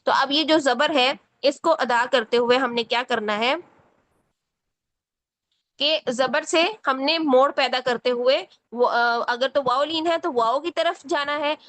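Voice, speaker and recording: A woman with a Pakistani Urdu accent leads a recitation lesson in a high voice. She explains patiently and models each syllable slowly. The recording is close and dry, with no room sound. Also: fairly bright tone, no room sound. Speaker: Quran recitation teacher. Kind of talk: spoken tutorial lesson.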